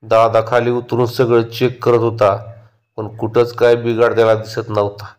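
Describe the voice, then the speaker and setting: A man narrating a horror story in a steady, measured way. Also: mid-range voice.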